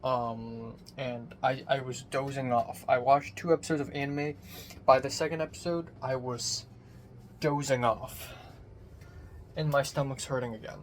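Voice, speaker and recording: A young man rambling through a casual personal vlog, swearing casually, his voice thin with no bass on a phone microphone. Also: fairly even intonation, measured pace. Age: young adult. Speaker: vlogger. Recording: thin bassless phone mic, background noise.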